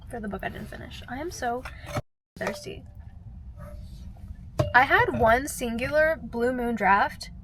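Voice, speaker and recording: A young woman with a high, bright-sitting voice talks straight to camera in a loose vlog ramble. She rants with plenty of fillers and curse words, dropping to low mutters then bursting out loud. A faint hum of ambience sits behind her. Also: low-quality recording. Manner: animated and ranting, swings from low mutters to loud outbursts; heavy filler use, frequent swearing. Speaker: vlogger. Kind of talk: casual chat to camera.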